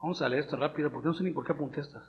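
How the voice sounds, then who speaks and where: A man with a southern Mexican Spanish accent preaches a sermon in a church hall, speaking very fast in a voice on the high side, rambling conversationally and repeating his words. It's heard through a loudspeaker with long hall reverb, the highs cut off, and slight background noise.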